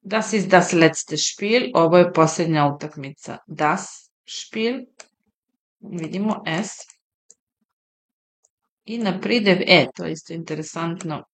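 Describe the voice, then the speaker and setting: A woman teaching German, slowly repeating example sentences and translating them into her own language, explaining points conversationally. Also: lowish voice. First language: Serbian. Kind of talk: slow, deliberate language lesson.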